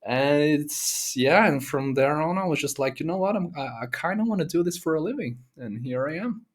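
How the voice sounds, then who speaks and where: A young man from Brazil chatting casually as an interview guest, relaxed, with lots of fillers and easy laughter. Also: on the high side, normal speed. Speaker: guest, comedy content creator.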